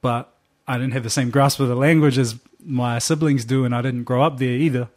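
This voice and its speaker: A young musician with a New Zealand accent, guesting on a casual interview, tells slangy stories in a relaxed way and laughs often. His voice is mid-range and a little fast.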